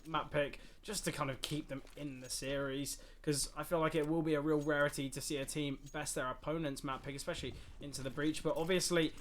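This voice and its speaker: A man casting a live esports match, rambling in analysis and bursting with excitement on big plays. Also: a little high, slight background noise. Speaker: esports caster. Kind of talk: live play-by-play commentary.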